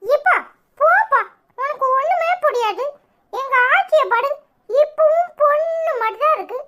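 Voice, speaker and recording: Casting: someone playing a cheeky cartoon grandson, Tirunelveli accent, very high, unhurried. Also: expressive, pushed and bright, heavily acted. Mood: teasing. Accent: Tirunelveli Tamil. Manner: teasing, mischievous. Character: cheeky young grandson, playful and teasing. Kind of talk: cartoon voice acting.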